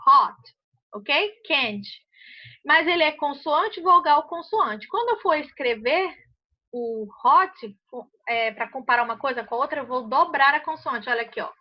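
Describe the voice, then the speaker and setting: A Brazilian Portuguese woman explains grammar rules to a class, pausing often to ask if everyone understood. Her voice sits high. The recording sounds muffled and lo-fi. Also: animated. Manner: patient, checks understanding often. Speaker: English teacher. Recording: muffled lo-fi audio.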